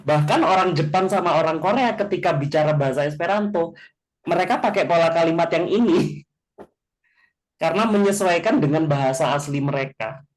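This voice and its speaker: A man with a slightly raised pitch teaches in an easygoing, chatty way. He slows right down to spell out example words and keeps checking that his listeners follow. Light chuckles slip into his explanations. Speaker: language teacher. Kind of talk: casual explanatory class talk.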